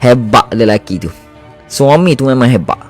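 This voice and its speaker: Animated Malaysian Malay man telling a story. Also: medium pitch, normal speed, soft background music. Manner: animated and expressive, often addressing listeners. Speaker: Islamic healer (ruqyah therapist). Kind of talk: livestream storytelling.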